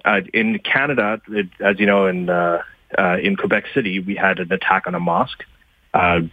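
A man guesting on a radio show by phone, speaking haltingly and thoughtfully, with lots of fillers and restarts. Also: low-pitched, fairly even intonation, dry recording. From Pakistan, Libya and Saudi Arabia. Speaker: guest author. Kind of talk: phone-in interview. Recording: tinny phone line.

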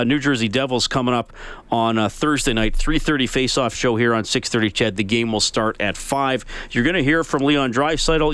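A man hosts a sports call-in show in a smooth, mid-pitched voice. He sits close to the microphone in a dry radio studio. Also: fairly bright tone, dry recording. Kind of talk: post-game radio talk with sponsor reads. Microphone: close broadcast microphone.

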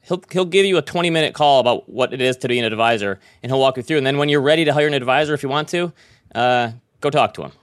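A man's voice: mid-range voice, fast talker, clean tone, no room sound, clean studio sound. A man hosting a podcast in a casual, conversational style. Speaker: podcast host.

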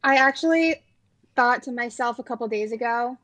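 A woman in her twenties from the Los Angeles area, USA, chats casually with a friend as a podcast guest, trailing off with fillers. Her voice is fairly high and a bit bright, at normal speed.

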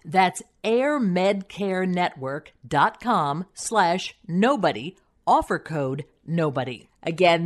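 A woman podcast host reading a scripted sponsor ad in a polished, upbeat announcer's manner. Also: medium pitch. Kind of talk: scripted ad read.

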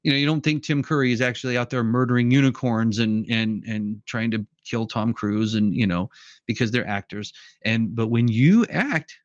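Man, talky podcast guest, animated storyteller, muffled dry audio. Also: medium pitch, normal speed, no echo. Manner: animated storyteller who acts out quotes. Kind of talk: casual conversation.

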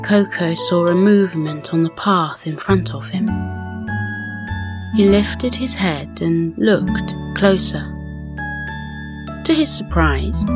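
Slow, soothing woman sleep story narrator. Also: fairly low pitch. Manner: soothing, gentle, unhurried guided-relaxation delivery. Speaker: host and narrator of children's bedtime story podcast.

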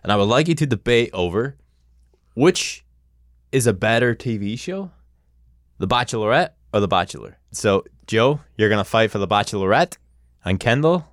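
A man's voice: lowish voice, no echo, studio quality. A man from Europe guest-hosting a podcast, teasing his guests in playful banter. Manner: teasing, lively, quick to laugh. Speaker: guest host.

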